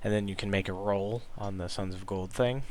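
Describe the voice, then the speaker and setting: A young man running a tabletop game as game master, narrating in a rambling way with many pauses and restarts. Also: lowish voice, fairly even intonation, darkish tone, a little hiss or hum. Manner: rambling, full of ums and restarts.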